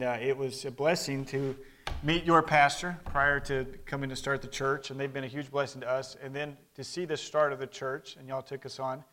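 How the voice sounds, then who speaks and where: His mid-range voice has a fairly bright tone. Portuguese is his first language, as he grew up in Brazil, and in his thirties he's giving a church a conversational missionary report peppered with calls for amen.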